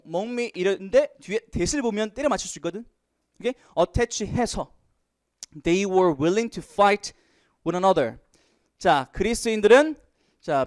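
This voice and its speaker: A male English teacher giving an exam prep lecture, lively, asking questions and answering them himself. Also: sits high, no echo, clean studio sound.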